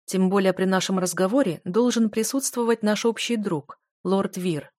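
A woman reading the lines of a worldly, wry man of about fifty in an audiobook, speaking in an unhurried, amused way. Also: medium pitch, a little mellow, dry recording, clean studio sound, natural voice. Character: dry, ironic 49-year-old man, worldly.

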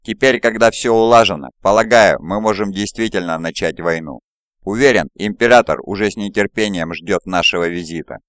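Sly scheming warlord, read by a deep-voiced man, smooth clear audiobook voice. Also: a little fast, fairly bright tone, dry recording, studio quality. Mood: mocking. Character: scheming male primarch, sly and mocking. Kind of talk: audiobook character voice.

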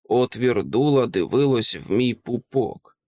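A man narrating an audiobook with a dramatic, expressive reading. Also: mid-range voice, measured pace, no room sound, studio quality.

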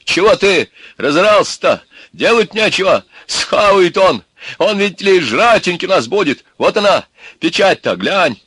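A man voicing a frightened young peasant hero who blusters and shouts in desperation. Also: sits high, very animated, measured pace, breathy edge, no room sound, voice pushed up, full character voice. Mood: blustering.

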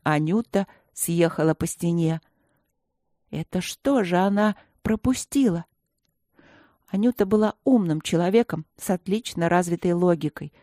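A woman reading a children's storybook aloud in a steady, even-paced manner. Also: on the low side, unhurried, no room sound, studio quality. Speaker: audiobook narrator. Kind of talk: storybook narration.

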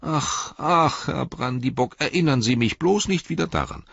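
A man's voice: mid-range voice, normal speed, gravelly, a bit bright, slightly rough, dry recording, pitched above the performer's own voice. A man voicing a chatty, anxious middle-aged innkeeper in a storybook reading, with a rambling, fussy manner. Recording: dull lo-fi recording.

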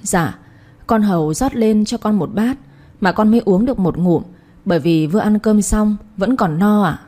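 A woman's voice: mid-range voice, normal speed, mellow, natural voice. Woman doing a tearful pleading young wife.

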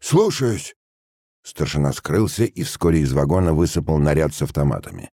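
Deep, gravelly male narrator. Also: a little fast, warm tone, no room sound, studio quality. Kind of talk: audiobook narration.

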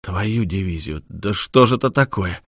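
A man reading an audiobook, voicing a tough male investigator who talks gruffly and swears. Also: low voice, animated, normal speed, fairly bright tone, no echo, clean studio sound, full character voice.

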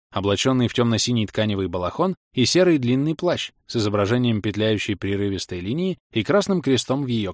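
Steady male audiobook narrator. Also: mid-range voice, dry recording. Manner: steady, expressive reading. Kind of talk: scripted fantasy narration. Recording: dry studio voice-over.

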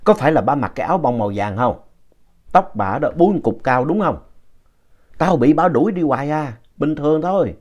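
A man's voice: fairly high pitch, expressive, fairly quick, voice pushed up. A man voicing a blunt, offhand older woman from an opera troupe. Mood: dismissive.

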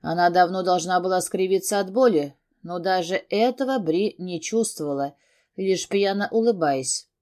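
A woman reading a first-person story aloud as an audiobook narrator, in an even, steady storytelling manner. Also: on the low side, moderate pace.

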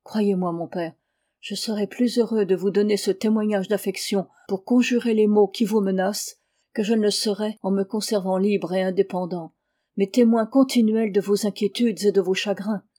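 A woman reading the lines of an earnest young man who is devoted to his father, in a calm, gentle voice. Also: medium pitch, normal speed, lightly acted.

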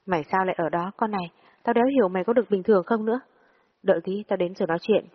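A woman's voice: mid-range voice, rapid-fire, slightly rough, natural voice. A woman voicing a furious, foul-mouthed older female friend who scolds and swears at a younger girl in a storybook reading. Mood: scolding. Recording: dull lo-fi audio with long reverb.

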